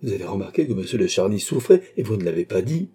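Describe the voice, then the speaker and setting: A man's voice: fairly low pitch, big pitch swings, fast, dark tone, slightly rough. A man reading an audiobook, voicing a haughty, angry young queen with an indignant, commanding manner.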